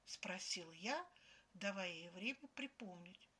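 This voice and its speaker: A woman's voice: lowish voice, lively intonation, takes it slowly, sharp tone, slightly rough. A woman expressively reading a first-person story aloud. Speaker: story reader.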